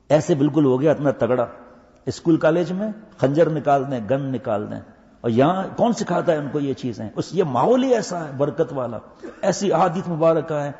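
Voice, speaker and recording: A fairly high-voiced older man preaches to students, swinging between loud fervent urging and slow, hushed storytelling. His voice rings around a large echoing hall, captured on a dull, lo-fi recording. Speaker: Islamic scholar giving a talk to madrasa students. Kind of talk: Urdu religious talk with anecdotes. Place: mosque or madrasa hall.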